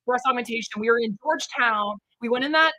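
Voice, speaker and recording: A young woman telling stories in a casual chat, full of fillers and lively acted-out quotes. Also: on the high side, fast talker, no room sound, low-quality recording. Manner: chatty storyteller, many fillers, animated quotes. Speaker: co-host.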